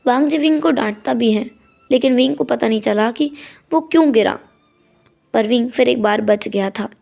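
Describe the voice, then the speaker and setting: A woman's voice: a little high, moderate pace, vocal fry, a little mellow, faint music behind. A woman retelling a story in a chatty, casual way, mixing in English words.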